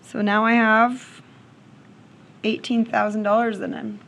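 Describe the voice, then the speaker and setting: This slightly high, gravelly female voice has a fairly bright tone and stays level and unhurried. She works math problems out loud for her class, frequently pausing to ask "okay?" Some slight background noise is audible.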